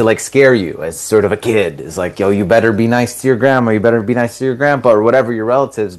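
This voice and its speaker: A Canadian film director whose first language is Italian chats casually as a radio guest, rambling with lots of fillers in a lowish voice.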